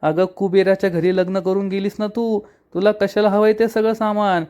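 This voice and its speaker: A man voicing a sharp-tongued sister-in-law who taunts and scolds, retold in a serial recap. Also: sits high, little pitch movement, normal speed, clear, resonant tone, voice pushed up, close to an everyday voice. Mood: scolding.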